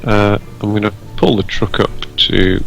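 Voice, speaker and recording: A man's voice: lowish voice, steady tone, measured pace, creaky, fairly bright tone, faint music behind, poor audio. A man playing a tabletop game, hesitantly thinking aloud as he plans his moves. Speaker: player. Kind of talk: casual tabletop chat.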